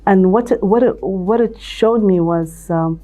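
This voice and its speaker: At a measured pace and medium pitch, with a dark tone, an older woman from Ethiopia who leads a company as CEO and managing director describes her life story. The interview is marked by many restarts and repeated words.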